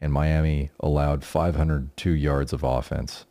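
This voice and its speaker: A man's voice: rumbling low, little pitch movement, measured pace, dark tone, no room sound. A man co-hosting a casual sports podcast, talking in a laid-back, profane way. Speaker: podcast co-host.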